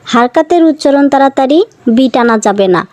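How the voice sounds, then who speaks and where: A woman teaching Quran reading to children in a slow, patient lesson, spelling out each letter and vowel mark, then repeating the syllable. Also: high-pitched, lively intonation, a little mellow, no room sound, poor audio. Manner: asks the listeners questions and answers them herself.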